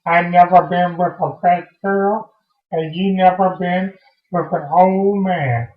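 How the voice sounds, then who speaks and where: A performer playing a pushy, lecherous old man who croons low come-ons, in a slow, dull, roomy recording. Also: steady tone. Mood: coaxing.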